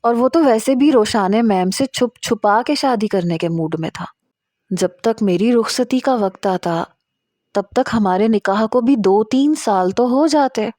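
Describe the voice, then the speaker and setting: A woman's voice: on the high side, warm tone, no room sound, clean studio sound. A woman narrating a first-person romance novel in a confiding storytelling manner. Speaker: audiobook narrator.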